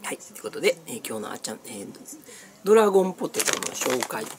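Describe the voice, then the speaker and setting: A middle-aged vlogger with a Kansai Japanese accent, chatting casually about snacks in a small room and sometimes trailing off softly. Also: mid-range voice, sing-song, fast talker. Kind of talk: casual snack-review vlog chat. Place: small cluttered room indoors. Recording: clearly noisy room recording with clicks.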